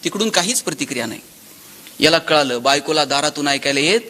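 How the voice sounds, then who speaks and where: Animated, bright-voiced man lecturing. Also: fairly high pitch, quick pace. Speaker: motivational speaker. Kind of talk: public lecture with storytelling.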